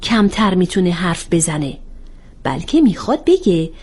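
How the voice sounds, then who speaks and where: A woman voicing a calm young woman who patiently explains things in a storybook reading. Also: on the low side, slightly rough. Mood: explaining.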